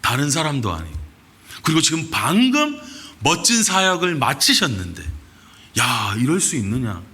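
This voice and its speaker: A male pastor preaching a sermon in animated storytelling, acting out quoted lines. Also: fairly high pitch, moderate pace, husky. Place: church sanctuary.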